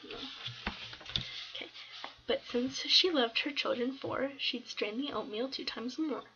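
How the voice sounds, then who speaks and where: A woman with a high voice reads a children's picture book aloud at home. She keeps breaking off for casual, giggly comments, often in a whisper. The webcam recording is muffled and carries a faint hiss. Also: slow pace. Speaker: storyteller reading to a child. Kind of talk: reading a picture book aloud with chatty asides. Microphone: webcam at a desk.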